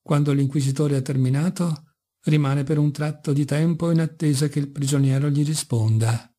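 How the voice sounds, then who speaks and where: A male audiobook reader narrates a classic novel in a measured, expressive way. His voice sits a little high for a man and sounds mellow and soft.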